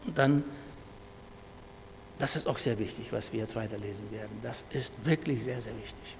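A middle-aged man preaching a sermon, dropping to soft low asides and then raising his voice loudly when he quotes. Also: normal speed, gravelly. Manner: swings between soft low asides and loud raised quoting. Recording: reverberant hall with faint noise.

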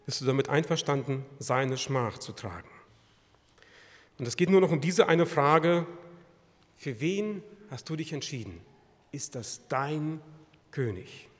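A male preacher delivering a sermon in a fairly high voice, piling up rhetorical questions that swell into loud climaxes. His voice carries through the long reverb of a large church hall. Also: lively intonation, unhurried, pauses often.

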